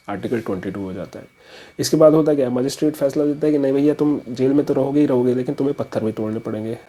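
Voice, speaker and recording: A man's voice: mid-range voice, mellow, breathy edge, poor audio. A man explaining a memory trick as an educator, casual and story-driven, mixing in English terms.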